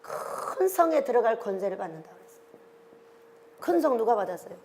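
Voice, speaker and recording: High, lively older woman preaching. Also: fairly quick. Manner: animated, exclaiming, firing questions at the congregation. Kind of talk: sermon.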